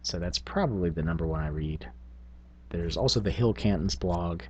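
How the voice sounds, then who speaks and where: Speaking at normal speed, this man has a husky, low-pitched voice. He's a middle-aged channel host giving a relaxed, reflective vlog about tabletop gaming, thinking aloud with frequent hesitations.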